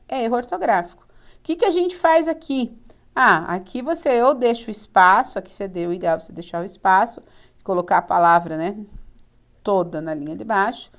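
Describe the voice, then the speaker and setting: Lively woman teaching a lesson. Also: fairly high pitch. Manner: animated, playfully mimics students. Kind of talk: video lesson on writing rules.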